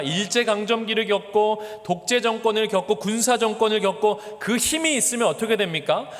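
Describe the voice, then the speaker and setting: High, lively Korean pastor preaching. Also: male voice, big-room sound. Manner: earnest preaching with wide swings in pitch and loudness. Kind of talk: sermon. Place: church sanctuary.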